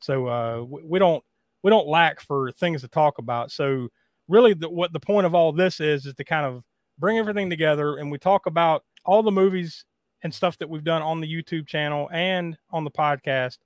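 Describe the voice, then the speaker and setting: A man's voice: fairly high pitch, moderate pace, no echo, studio quality. A man hosting a podcast, talking in a casual, showman-like style. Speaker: podcast host. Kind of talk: casual chat and hyped show introduction.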